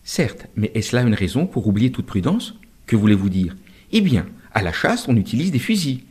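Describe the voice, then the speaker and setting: A man voicing a shrewd army general who talks in a measured, conciliatory way. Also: medium pitch, big pitch swings, darkish tone, close to an everyday voice.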